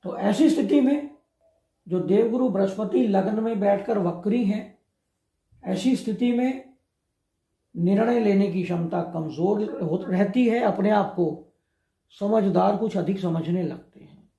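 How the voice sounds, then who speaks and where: Slow, gravelly-voiced astrologer man. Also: high voice, mellow, reverberant. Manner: slow, measured explanation with many pauses. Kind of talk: explanatory astrology talk.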